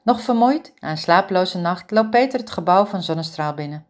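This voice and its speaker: A woman reading a romance story aloud as narrator in a calm, steady manner. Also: fairly low pitch, a little fast.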